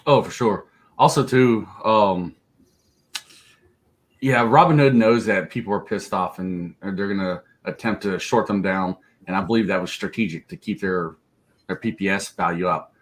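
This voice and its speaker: Man, lowish voice, livestream stock co-host; blunt, jokey, quick to laugh. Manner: jokey, laughs easily, blunt and a bit profane. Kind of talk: casual livestream market chat.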